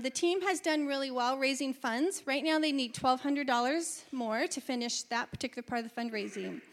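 High-voiced woman reading church announcements. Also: fairly bright tone. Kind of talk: informal announcements read from notes.

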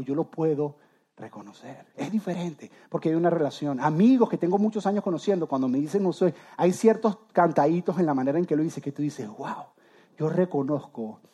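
High-voiced man preaching a sermon. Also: mellow, breathy edge. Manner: conversational, addresses listeners directly; restarts and repeats words. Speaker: pastor.

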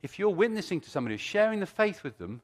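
Male preacher, mature, lively intonation, conversational storytelling style with rhetorical questions. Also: high-pitched, fast talker. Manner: conversational, repeats phrases for emphasis, rhetorical questions. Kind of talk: sermon with storytelling and teaching.

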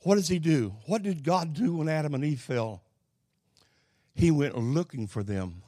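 An older man with an Oklahoma accent delivering a folksy sermon with personal stories, halting and plainspoken, moving between hushed asides and loud, emphatic lines. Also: a little high, animated, no room sound, studio quality. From Oklahoma, United States. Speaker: Pentecostal preacher.

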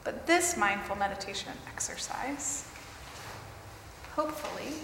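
A woman leading a guided mindfulness meditation for a group, speaking deliberately in short phrases with pauses between them. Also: medium pitch, animated. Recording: roomy, reverberant hall with clear background noise.

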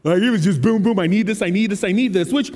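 A man in his thirties with a bright, high-set voice delivers a relaxed, conversational sermon. He slips in self-deprecating jokes as he goes. A long hall reverb trails every phrase. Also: fast talker. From United States. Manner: casual, self-deprecating and joking. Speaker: teaching pastor. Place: large church sanctuary.

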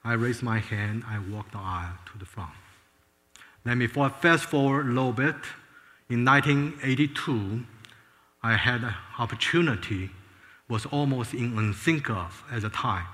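A man's voice: medium pitch, moderate pace, a bit bright. A man in his sixties, from Taiwan, telling his life story in an earnest testimony talk, often restarting his sentences. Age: 60s. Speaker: former space scientist giving a testimony. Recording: long hall reverb.

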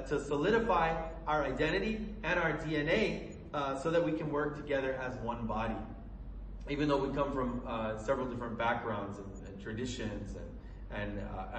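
A man from Colorado preaching a sermon in an earnest, halting way, with many fillers and restarts. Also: mid-range voice, recorded from a distance, slight background noise. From Colorado, USA. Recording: echoey room from away from the mic.

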